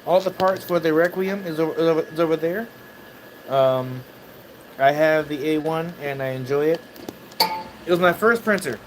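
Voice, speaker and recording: A man casually chatting on a livestream from his home studio, rambling and halting as he greets viewers. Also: a little high, noisy background. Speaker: 3D printing livestreamer.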